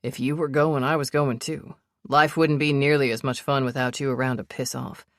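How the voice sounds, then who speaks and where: A protective young man in an audiobook romance, low and softly growling, as a woman puts him on. His tone stays hushed and gruff yet tender. The sound is close and dry, with no room around it. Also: fairly even intonation, normal speed, no room sound. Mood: teasing.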